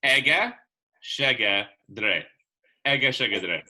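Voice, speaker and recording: A man chatting on a video call while his audio glitches and stutters. He talks in a lively way and laughs often. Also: medium pitch, slow. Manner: lively, laughs often, loves to tell stories. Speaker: wine consultant guest. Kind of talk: casual chat on a video call.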